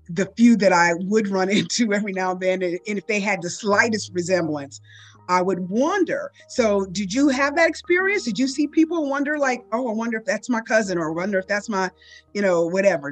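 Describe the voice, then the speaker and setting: A woman's voice: mid-range voice, animated, a little fast, no room sound, faint music behind. A woman from the Pittsburgh area hosting a podcast interview, asking probing questions with frequent affirmations. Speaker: podcast host. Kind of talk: interview conversation.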